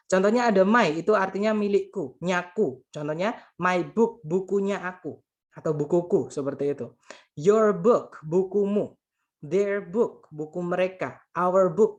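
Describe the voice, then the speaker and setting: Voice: medium pitch, darkish tone. A grammar tutor giving a casual spoken lesson, patiently repeating points and translating each example while addressing the listeners as friends.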